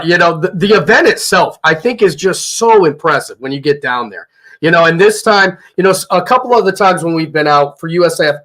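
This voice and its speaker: A man's voice: a little high, bright, forceful tone. A man hosting a sports radio show, talking loosely with many fillers. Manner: loose, hesitant, filler-heavy talk. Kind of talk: casual radio chat.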